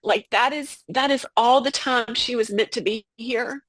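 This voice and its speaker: A woman guest on a podcast, speaking about a personal loss in a halting way, full of fillers and restarts. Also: a little high, a bit bright, no echo. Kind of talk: emotional personal conversation.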